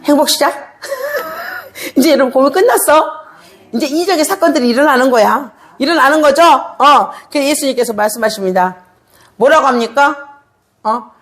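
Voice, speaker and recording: A high-pitched middle-aged woman pastor delivers a lively sermon. She teases her listeners with rapid questions and laughter, then rises into shouting, tearful fervor. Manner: animated, teasing the congregation with questions and laughter.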